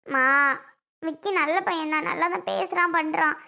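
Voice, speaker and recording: A woman doing a tearful young daughter in a cartoon family serial, very high and bright, begging her father again and again. Her words come in soft, repeated pleas. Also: steady tone, moderate pace, creaky, heavily acted. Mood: pleading. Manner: pleading, repeated calls of "appa".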